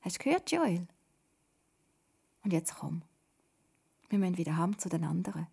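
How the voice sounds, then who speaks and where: A woman's voice: fairly low pitch, sing-song, moderate pace, creaky, mellow, slightly rough, full character voice. A woman with a Swiss German accent voicing a grateful grown man in whispered role-play, earnest.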